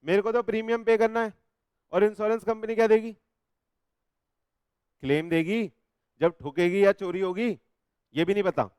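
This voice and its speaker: A man teaching a law class in Hindi, coaxing his students with frequent checks and reading legal text slowly. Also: sits high, fairly even intonation, darkish tone, clean tone, no room sound, clean studio sound. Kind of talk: classroom lecture.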